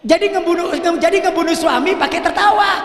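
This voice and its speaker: A male preacher, giving a lively sermon that bursts into shouts and teases the women listening with questions. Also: very high voice, brisk, creaky. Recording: echoey hall.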